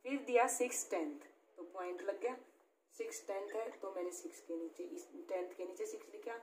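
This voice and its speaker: A woman's voice: mid-range voice, normal speed, darkish tone. A woman teacher explaining math step by step, often checking in with her pupils. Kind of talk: classroom-style math lesson. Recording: echoey room with faint background noise.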